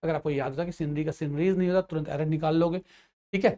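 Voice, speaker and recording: A man's voice: on the high side, steady tone, fast talker, mellow. A man with an Indian accent teaching an English grammar lesson to exam students, explaining patiently and often checking that they follow.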